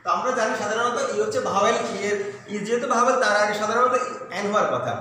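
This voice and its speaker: A man from Bangladesh teaching an English lesson patiently, repeating words slowly and pausing to check that students understand. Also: high voice, sharp tone, a little hiss or hum. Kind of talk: recorded classroom lesson. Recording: echoey room, mic far off.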